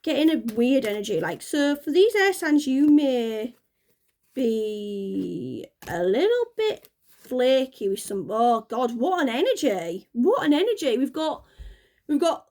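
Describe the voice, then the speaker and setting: A woman's voice: fairly high pitch, sing-song, slow pace, dark tone. A woman giving a casual, rambling tarot reading, chatty and prone to giggles. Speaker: tarot reader.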